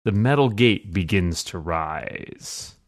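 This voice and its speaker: A man's voice: low-pitched, lively intonation, slow pace. A man running a tabletop game as game master, narrating casually to the players.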